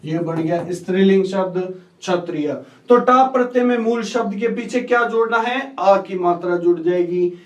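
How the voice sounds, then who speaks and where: High-pitched guy teaching grammar online, slow and steady, asks then answers himself, echoey room. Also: distant mic. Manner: repeats key answers, quizzes students as "बेटा".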